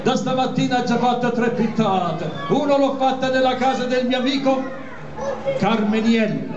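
Cheeky Neapolitan puppet clown, theatrical live show, high voice, dull sound with crowd around. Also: male voice, normal speed. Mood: boastful, playful. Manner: theatrical, addressing the audience. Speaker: puppeteer performer. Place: outdoor puppet booth through speakers, filmed from audience. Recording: dull echoey outdoor recording with crowd.

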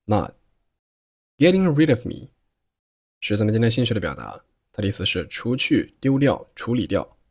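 A man teaching English pronunciation, explaining slowly and carefully and reading example sentences aloud. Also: lowish voice, slightly rough. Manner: slow, careful demonstration of sounds.

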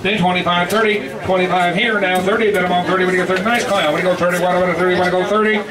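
A man's voice: high-pitched, fairly even intonation, very fast. An American man working as an auctioneer, chanting bids in a repetitive, rhythmic patter of numbers. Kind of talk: auctioneer's rapid bid-calling chant. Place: crowded indoor toy auction in a wood-framed hall. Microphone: picked up by a camera at a distance. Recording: distant, echoey, busy crowd around.

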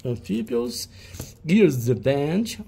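A man's voice: mid-range voice, very animated, extremely slow, dark tone. A man hosting a retro game auction, showing old cartridges in casual, teasing banter. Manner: chatty, teasing, jokey banter with a helper.

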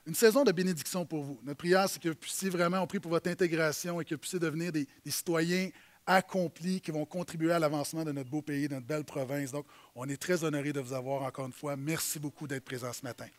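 A man's voice: a little high, steady tone. Québécois man addressing a congregation. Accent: Québécois French. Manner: warm, halting, many fillers. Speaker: church leader.

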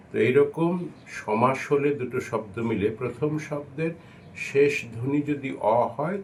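A man's voice: medium pitch, a little hiss or hum. A man giving a lesson on correct pronunciation, speaking carefully and repeating each word to model it. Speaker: pronunciation teacher. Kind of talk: instructional talk on pronunciation.

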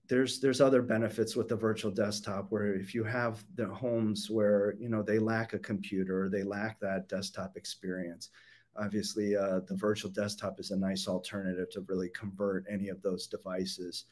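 A man's voice: fairly low pitch, darkish tone. A young man, a company CEO, giving a casual conference keynote over a webcam call, full of fillers and restarts. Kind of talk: conference presentation. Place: home or office room. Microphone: webcam video call.

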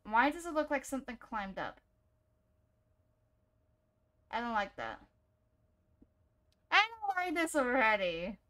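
A woman's voice: on the high side, very animated, normal speed, bright, forceful tone. A woman giving casual let's-play commentary, jumpy and chatty, laughing often and talking to the game as she plays. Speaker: gaming YouTuber.

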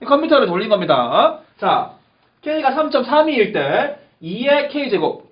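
Emphatic male math teacher, animated pitch. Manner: emphatic, repeats key terms, checks understanding. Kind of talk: classroom math lecture. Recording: echoey lo-fi classroom recording with faint hiss.

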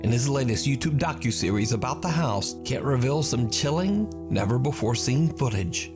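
A male narrator delivers scripted, documentary-style lines in a mid-range voice. Music plays clearly behind him. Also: mid-range voice, expressive, normal speed.

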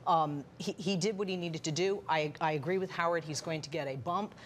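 A woman giving political commentary on a panel, emphatic and quick to restart her sentences. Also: low-pitched, slight background noise. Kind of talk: panel discussion.

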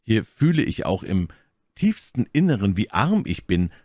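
A melodramatic young man from a classic storybook, self-pitying and theatrical, carried in a low male voice that a man puts on. The sound is close and dry, with no room around it. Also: big pitch swings, normal speed, darkish tone, no echo. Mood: despairing.

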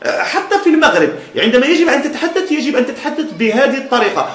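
Moroccan Amazigh-accented male speaker, lively emphatic motivational talk, blunt with frequent laughs. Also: very high voice, rapid-fire, echoey room.

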